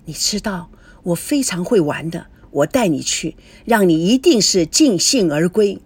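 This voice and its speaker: A woman voicing a smooth-talking sleazy womanizer. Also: medium pitch, big pitch swings, moderate pace. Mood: leering. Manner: sticky, wheedling, grinning. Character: sleazy flirtatious middle-aged man, smooth-talking womanizer.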